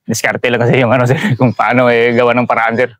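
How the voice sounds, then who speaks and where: A man's voice: medium pitch, flat delivery, fast talker, a bit bright, no echo. A Filipino man, a Special Forces sergeant, telling a story in a casual interview and acting out the dialogue. He says "sir" again and again. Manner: peppers speech with "sir", acts out dialogue animatedly.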